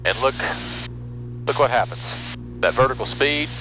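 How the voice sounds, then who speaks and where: A middle-aged American pilot vlogger chats animatedly into his aviation headset while flying a small propeller plane, explaining things in a casual way. His pitch is medium and his pace a little slow. Loud engine hum and the headset intercom run through the recording.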